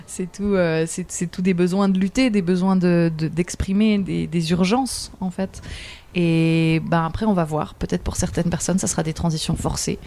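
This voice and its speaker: A woman's voice: on the low side, fairly even intonation, normal speed, dark tone. A woman, a theatre director talking in a casual radio interview, hesitant and full of fillers. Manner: hesitant, many fillers, laughs often.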